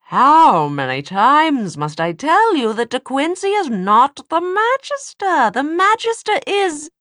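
A woman voicing a bitter, proud female demon with a high, thin voice, drawn out slowly and hissing. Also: lively intonation, no room sound, clean studio sound. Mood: angry.

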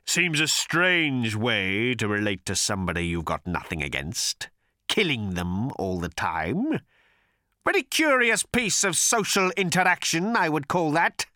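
A man reading an audiobook voices a bitter, vengeful male creature, speaking slowly with a hissing, brooding menace. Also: medium pitch, sing-song, bright, forceful tone, no room sound, studio quality, voice pushed up. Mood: brooding, sardonic. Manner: slow, hissing, drawn-out menace.

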